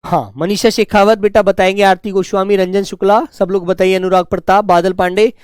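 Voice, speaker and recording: A male teacher giving a spelling class, dictating words slowly and repeating each one, talking to pupils in a fatherly way. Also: high-pitched, steady tone, clear, resonant tone, no room sound, clean studio sound. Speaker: Hindi teacher.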